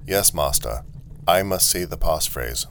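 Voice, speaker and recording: A man's voice: a bass voice, animated, a little slow, fairly bright tone, slight background noise, heavily acted. A man voicing a wobbly old male automaton guard who speaks in a stiff, formal, repetitive way.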